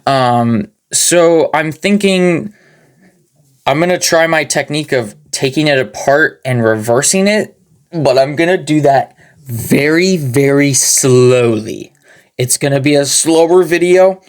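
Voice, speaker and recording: A man talking casually through a toy-building walkthrough, rambling and swearing now and then, with a slightly gravelly voice. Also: on the high side, expressive, measured pace. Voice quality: a little gravelly. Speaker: hobby toy-building channel host. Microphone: plugged-in microphone.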